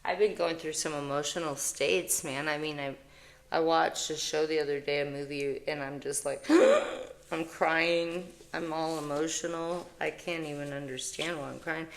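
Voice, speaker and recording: A woman's voice: low voice, fairly even intonation, gravelly. A woman reading tarot on her vlog, chatting in a rambling, emotional way with many restarts. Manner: rambling, emotional, self-interrupting; reads card text aloud slowly. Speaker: tarot reader. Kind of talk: casual spiritual vlog chat.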